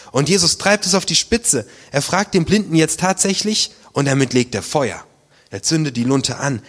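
A man's voice: fairly high pitch, fairly bright tone. A man preaching a sermon as pastor, in a colloquial, vivid way that acts out the voices he quotes. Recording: long reverb of a large hall.

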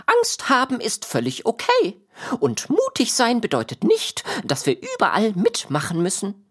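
Casting: a wise, kind friend with a very lively, high, breathy voice. Children's radio play. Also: female voice, moderate pace, exaggerated voice. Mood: reassuring. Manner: expressive, reassuring. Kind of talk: children's audio drama acting.

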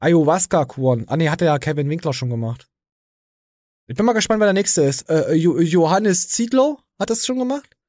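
Man, East German accent, podcast host, crude mocking rant, fairly high voice. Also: expressive, moderate pace, a little mellow, no echo, studio quality. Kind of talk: casual podcast chat.

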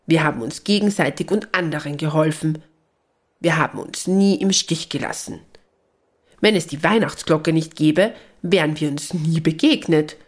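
Woman reading an earnest companion giving advice. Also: deep voice. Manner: earnest, lecturing gently.

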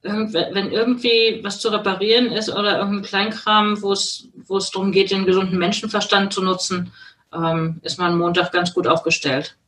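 A woman chats casually as a podcast co-host, her voice at a middling pitch. She sounds a little away from the microphone, in a room with plenty of echo. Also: steady tone, normal speed, a bit bright, slight background noise. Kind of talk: casual chat. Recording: echoey, distant microphone.

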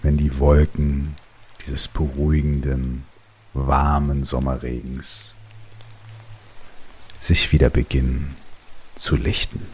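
Very deep, slow male sleep story narrator. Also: slightly rough. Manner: calm, soothing, long pauses between short phrases. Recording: steady rain noise behind the voice. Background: rain.

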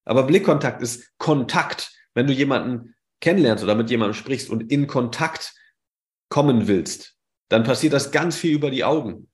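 A man's voice: mid-range voice, expressive, normal speed. Emphatic male dating coach, roomy sound. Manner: direct, emphatic, tags sentences with "ja". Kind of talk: podcast advice monologue. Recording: roomy echo.

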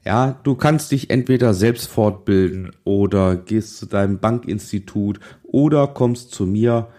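A financial advisor in his forties who hosts a podcast delivers a motivational monologue, urging the listener directly with insistent rhetorical questions. He has a low, mellow voice.

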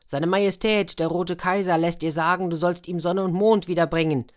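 A woman voicing rough, bossy royal messengers who shout their orders in a storybook reading. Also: fairly low pitch, steady tone, normal speed, close to an everyday voice.

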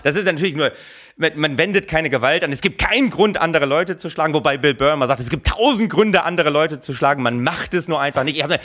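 A man's voice: fairly high pitch, fast talker, a bit bright. A man co-hosting a comedic podcast, ranting sarcastically in a mock-motivational tone. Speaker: podcast co-host.

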